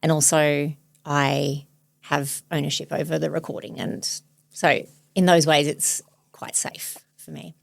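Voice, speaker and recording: A woman in her forties, a therapist hosting a podcast, speaking thoughtfully and searchingly in a soft, reflective way. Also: low voice, little pitch movement, a little slow, gravelly, no echo. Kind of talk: reflective therapy demonstration chat.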